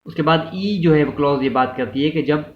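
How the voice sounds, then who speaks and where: A law lecturer with a Pakistani accent gives an informal explanatory lesson, repeating and rephrasing points and slipping into English legal terms. His voice is a little high and fairly quick, recorded in an echoey room with muffled sound and faint noise.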